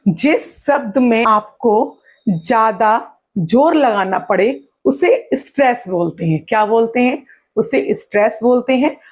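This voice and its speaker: A woman teaching an exam-prep lesson, asking her own questions and answering them, and sounding words out slowly. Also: a little high, darkish tone, husky. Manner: claps and stretches words out slowly to show syllables.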